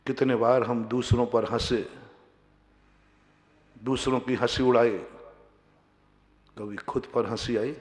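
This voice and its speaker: A man, a Jain monk, giving a sermon full of questions to his listeners, swinging from emphatic loud peaks to quiet low passages. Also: little pitch movement, slow pace, long pauses. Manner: rhetorical questions to the audience, rising to emphatic outbursts then dropping low. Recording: long hall reverb.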